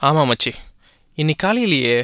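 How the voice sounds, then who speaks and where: A man's voice: on the high side, sing-song, moderate pace, a bit bright, no room sound, studio quality. An actor playing a sentimental, talkative young man who is in love and tells his friends about it. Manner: emotional, rambling storyteller among friends. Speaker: young office worker in love. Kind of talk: short film acting. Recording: music playing behind.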